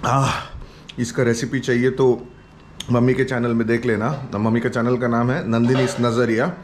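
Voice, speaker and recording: A man's voice: mid-range voice, level tone, moderate pace, a little hiss or hum. A man in his forties chatting and laughing as he vlogs his day to a camera held at arm's length, mixing in English phrases. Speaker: vlogger. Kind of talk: casual daily vlog to camera. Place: home, then outdoors at night. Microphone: handheld action camera at arm's length.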